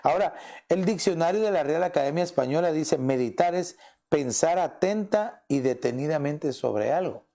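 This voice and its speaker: A man's voice: a little high, lively intonation, normal speed, creaky, warm tone. A man, a pastor, preaching a conversational sermon and often tossing in rhetorical questions. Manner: asks rhetorical questions, often adds "¿verdad?".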